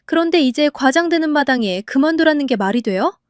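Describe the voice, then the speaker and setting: Woman lowering her voice for an earnest young husband. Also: expressive, fairly quick, no echo, clean studio sound. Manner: earnest, pleading but firm.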